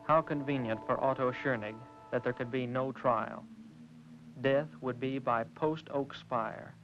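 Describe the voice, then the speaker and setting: A man narrating a film in a measured, grave storytelling manner. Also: mid-range voice, fairly even intonation. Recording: dull lo-fi film soundtrack with music.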